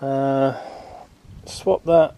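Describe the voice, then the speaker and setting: Extremely slow and mellow, his mid-range voice comes with a little hiss or hum. The boat vlogger films a repair in his outdoor garden workshop on a handheld camera, rambling in a chatty, self-deprecating how-to style and saying um a lot.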